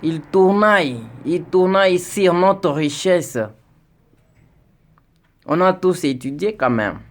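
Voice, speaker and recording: A young Congolese man addresses his president in a video message, his voice high-pitched and slow. Earnest and pleading at first, he rises into indignation, stammering and repeating words.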